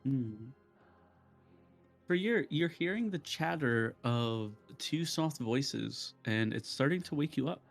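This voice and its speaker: A man's voice: mid-range voice, animated, slow pace, gravelly, faint music behind. A man narrating as game master for a tabletop game, teasing his players and laughing often.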